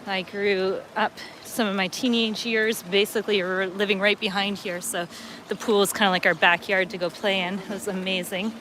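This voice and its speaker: A woman's voice: mid-range voice, level tone, moderate pace, fairly bright tone, slight background noise. A middle-aged woman from upstate New York, hosting a casual livestream on a lakeside waterfront, chatting and reading viewer comments aloud as she walks. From upstate New York, USA. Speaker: travel vlogger hosting a livestream.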